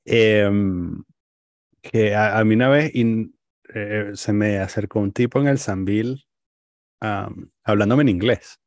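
A man with a Venezuelan accent, co-hosting a podcast and telling a wry anecdote in relaxed chat. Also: lowish voice, slow, no room sound. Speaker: podcast co-host. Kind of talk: casual chat, storytelling.

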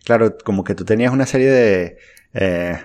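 A man's voice: lowish voice, moderate pace, darkish tone. A man interviewing a guest in a casual chat, asking reflective questions with hesitant restarts. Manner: reflective, hesitant, many backchannels.

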